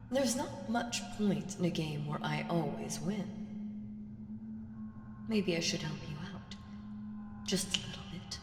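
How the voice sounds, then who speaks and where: In an ASMR roleplay monologue, a woman voices an ancient evil female entity, smug and seductive, toying with mortals in a mood of playful scheming. Her lowish voice moves slowly, teasing and condescending, slipping into breathy whispers. The sound is distant with echoey hall reverb and music clearly playing behind her.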